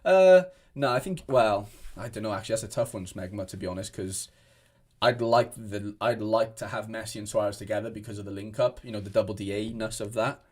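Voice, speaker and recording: Here a young streamer from Wales talks casually at his desk indoors, rambling and restarting often while responding to comments. The voice is fairly low and brisk.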